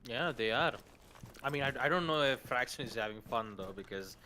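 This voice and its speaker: A man co-casting a live shooter-game match, animated and wordy, with colorful turns of phrase. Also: medium pitch, brisk, noisy background. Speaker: esports co-caster. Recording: game gunfire and clicks clearly audible behind.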